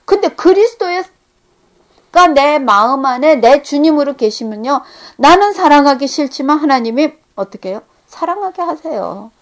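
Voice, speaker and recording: A middle-aged woman delivers a sermon in a high, light voice. She speaks earnestly, swelling into emphatic peaks before falling back to hushed, near-whispered lines. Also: animated, normal speed. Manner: earnest, rising to emphatic peaks then dropping to hushed tones. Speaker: preacher.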